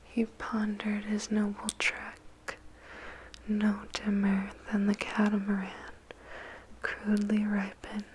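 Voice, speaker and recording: A woman whispers a poem in ASMR style, phrasing it deliberately with dramatic pauses. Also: mid-range voice, monotone, slight background noise, low-quality recording. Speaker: ASMR performer reciting a poem. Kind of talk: whispered ASMR poetry recitation.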